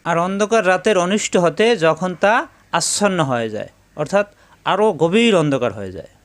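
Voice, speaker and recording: A man teaching recitation step by step, spelling out letters slowly and then chanting the verses in long, drawn-out tones. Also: sits high, big pitch swings.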